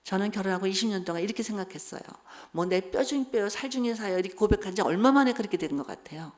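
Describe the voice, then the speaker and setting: A woman's voice: mid-range voice, rapid-fire. A middle-aged woman giving a church seminar talk, telling stories from her marriage, acting out quotes and putting questions to the audience. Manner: lively storytelling, acts out quotes, asks the audience questions. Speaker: seminar speaker.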